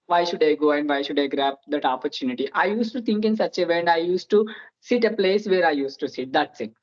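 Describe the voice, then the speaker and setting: With lively intonation and a slightly fast delivery, a medium-pitched host in their twenties runs a casual, earnest interview chat over dull-sounding audio. Their accent is Indian with Telugu influence, Telugu being their native tongue, and many phrases open with "so".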